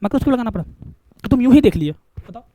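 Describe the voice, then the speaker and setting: A man's voice: very high-pitched, expressive, rapid-fire, mellow, no room sound. A male biology teacher, lecturing a class and coaxing answers by asking questions and repeating key terms.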